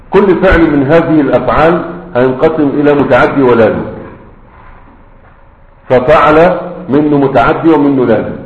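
A man with an Egyptian Arabic accent teaching a grammar lesson, patiently explaining and often checking that his students follow. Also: on the high side. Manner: patient, explanatory, keeps checking understanding with quick questions. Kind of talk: classroom-style grammar lesson. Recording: roomy, dull lo-fi recording.

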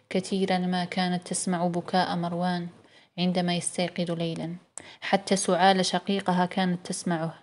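Woman narrator for an audiobook, low-set, even, calm read.

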